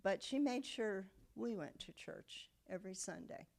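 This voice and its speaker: A woman's voice: mid-range voice, animated, a little slow, vocal fry, darkish tone. A woman, telling her family story in an oral history interview. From United States. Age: 70s. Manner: reflective storytelling with frequent um and okay.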